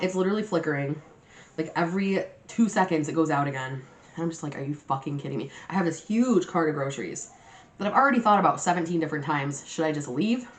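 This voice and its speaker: A woman hosting a mukbang, chatting casually and slangily to viewers as she eats. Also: fairly low pitch. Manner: eating messily while talking, mukbang style; sweary, slangy storytelling with acted-out quotes. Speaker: mukbang video host. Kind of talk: casual chat to viewers while eating.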